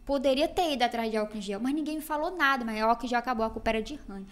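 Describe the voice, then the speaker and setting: A young woman in casual chat, telling animated stories and acting out the voices of the people in them. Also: fairly high pitch, rapid-fire. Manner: animated storytelling, acts out voices of family and police. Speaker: guest storyteller.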